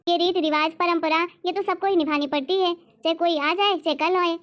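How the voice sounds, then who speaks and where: Woman voicing a stern old cartoon mother-in-law, scolding, bossy, very high voice. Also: fairly even intonation, normal speed, fairly bright tone. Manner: bossy, lecturing, scornful. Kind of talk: cartoon story voice acting.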